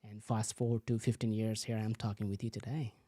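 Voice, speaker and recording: Man, mellow dry voice. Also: on the low side, flat delivery, brisk, no room sound. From Nepal. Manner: storytelling, frequent "you know" fillers. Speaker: guest physical therapist. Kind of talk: casual interview answers.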